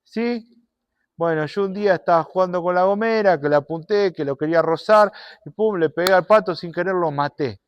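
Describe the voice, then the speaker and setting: A man's voice: high-pitched, brisk, smooth, no echo, highs cut off, natural voice. A man voicing a mischievous young boy who turns guilty, speaking in a pleading, flustered way. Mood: confessing.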